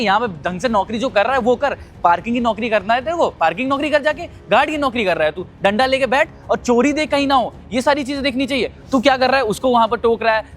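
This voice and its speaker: A man plays a domineering restaurant manager in a low-budget short film. His voice is high and fast as he scolds the guard, with faint music underneath. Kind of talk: amateur short-film acting.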